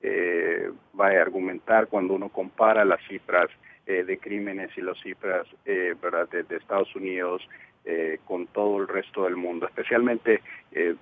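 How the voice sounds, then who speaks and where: A man's voice: low voice, fairly even intonation, moderate pace. A man from El Salvador, a panel guest on a live news debate, speaking hesitantly with many fillers and restarts over a phone line. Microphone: telephone. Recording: tinny phone line, faint hiss.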